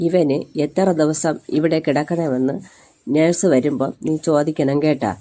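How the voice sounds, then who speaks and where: A man voicing a sharp-tongued older village mother who talks bluntly and scolds. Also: on the high side, steady tone, unhurried, lightly acted. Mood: nagging.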